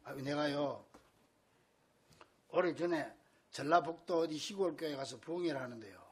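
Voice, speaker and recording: A male pastor preaching a sermon in a church, telling stories with animation and bursts of shouting. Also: on the high side, moderate pace, husky. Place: church sanctuary.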